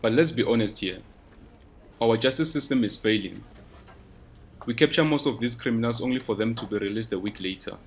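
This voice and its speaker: A man's voice: medium pitch, a little fast, pauses often, slightly rough. A man narrating a story voices a confident young policewoman who talks bluntly, her tone sweet yet obnoxious. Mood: defiant. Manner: blunt, defiant.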